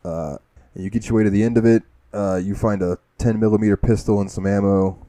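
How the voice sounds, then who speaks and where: Low, mellow-voiced podcast host. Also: male voice, fairly even intonation, fast, no room sound. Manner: rambling, profane storytelling. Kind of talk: casual gaming podcast chat.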